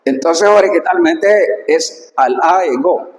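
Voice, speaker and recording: A man with a fairly high voice teaches slowly and patiently, repeating each sound and stressing what matters. His voice rings in an echoey room with a long reverb tail. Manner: slow, repeats words and stresses key points. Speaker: Biblical Greek teacher. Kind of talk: recorded lesson explaining slides.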